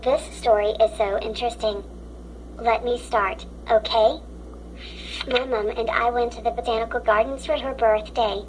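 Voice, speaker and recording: A woman's voice: fairly high pitch, steady tone, moderate pace, rough recording. Robot-sounding tts lady reading kids stories, mechanical, faint hum behind. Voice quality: stiff, mechanical delivery. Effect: robotic text-to-speech voice. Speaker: story app narrator. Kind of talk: reading children's stories aloud.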